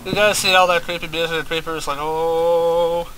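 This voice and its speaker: Let's-play host, male, slightly high voice, loose and profane, lots of fillers, noisy recording. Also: steady tone, rapid-fire. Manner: rambling, swears often, filler-heavy, talks to viewers. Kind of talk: casual gameplay commentary.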